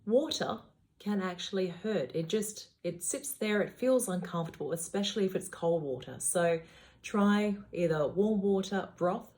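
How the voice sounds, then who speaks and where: A woman's voice: medium pitch, normal speed, darkish tone. A woman speaking as a surgeon, giving patients instructional advice in a matter-of-fact, reassuring way.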